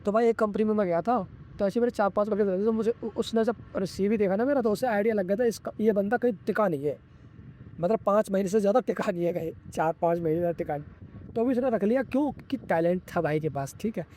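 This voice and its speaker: A young man in a casual vlog, talking fast and bluntly with a high, mellow voice. He is slangy and preachy as he gives career advice straight to the viewer. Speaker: vlogger.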